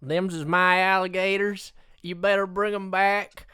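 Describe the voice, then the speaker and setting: A man voicing a gruff southern alligator wrangler with a threatening drawl. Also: high voice, flat delivery, unhurried, bright, forceful tone, no echo, studio quality.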